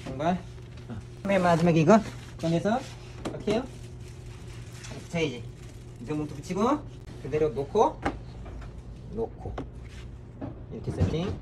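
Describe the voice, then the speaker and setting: A barber instructor, a man, demonstrating in a classroom with a slightly higher voice. He keeps repeating short instructions and snaps corrections at students. Clear background noise runs under his voice. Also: very animated, normal speed, pauses often. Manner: repetitive, directive, scolds students sharply. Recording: noisy room recording.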